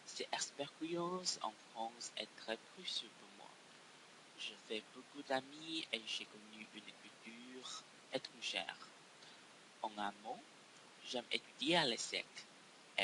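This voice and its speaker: A man's voice: medium pitch, noisy background. A man, a doctoral student carefully reciting a prepared self-introduction in learner's French.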